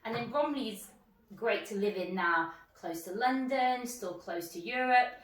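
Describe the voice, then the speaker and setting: A woman's voice: a little high, lively intonation, a bit bright. A woman in her thirties from France, an emergency doctor talking to camera about her career in an upbeat, chatty way. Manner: upbeat, chatty, quick asides. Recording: roomy, distant mic.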